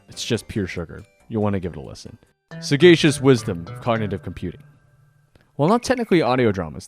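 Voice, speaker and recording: Background music accompanies a man hosting a scripted commentary video. He is an anime fan whose lowish, slightly mellow voice carries an enthusiastic delivery with dramatic emphasis.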